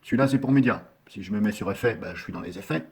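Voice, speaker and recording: A man giving a casual software tutorial, rambling and often correcting himself with many fillers. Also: on the low side, quick pace, slightly rough.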